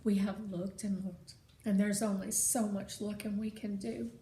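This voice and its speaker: A woman voicing a sorrowful, weary preacher father in a children's story, soft-spoken and halting. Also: medium pitch, level tone, natural voice. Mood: weary, resigned. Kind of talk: children's audiobook character acting. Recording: roomy sound with faint noise.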